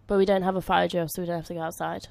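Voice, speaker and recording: Gravelly-voiced young woman co-host. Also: fairly low pitch, level tone, a little mellow, no room sound. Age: young adult. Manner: laughs often, quick agreeing replies. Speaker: podcast co-host. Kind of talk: casual chat.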